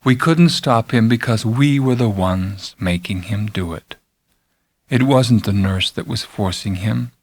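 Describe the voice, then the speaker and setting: An audiobook narrator reads a literary first-person story, dramatic, intense, and deliberate, dropping to a hush and then swelling. His voice is fairly low in pitch.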